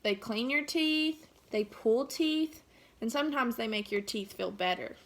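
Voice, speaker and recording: A woman teacher reading a picture book aloud and asking the children questions in a warm, child-directed way. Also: a little high, measured pace.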